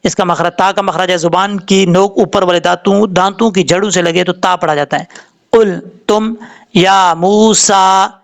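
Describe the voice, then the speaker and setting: A man teaches tajweed in a patient, methodical way, spelling out letters and vowel marks one by one. His voice sits fairly high for a man. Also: steady tone, vocal fry. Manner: patient, explains rules step by step, then recites slowly drawn out. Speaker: Quran recitation teacher.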